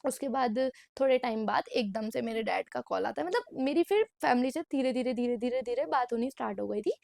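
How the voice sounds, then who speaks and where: Chatty young woman with a gravelly edge. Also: fairly high pitch, brisk, a little mellow, dry recording, studio quality. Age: 20s. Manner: chatty, mixes English phrases into Hindi and keeps saying "bhai". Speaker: vlogger. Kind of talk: casual storytime monologue. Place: indoor room at night.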